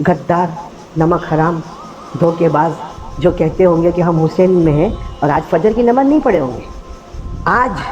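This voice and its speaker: High-voiced man preaching with passion. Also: muffled recording. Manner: call-and-response with the crowd, rising to shouts. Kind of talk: emotional sermon.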